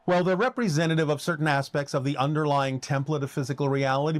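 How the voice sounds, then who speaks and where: Measured formal man, dry close sound. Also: mid-range voice, dry recording. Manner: measured, formal, speaks as "we" and stretches key phrases slowly. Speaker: channeled speaker answering questions. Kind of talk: question-and-answer session.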